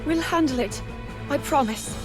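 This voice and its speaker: A woman playing a gentle, earnest young princess in a video game cutscene. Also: high voice, normal speed, over music, lightly acted. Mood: resolute.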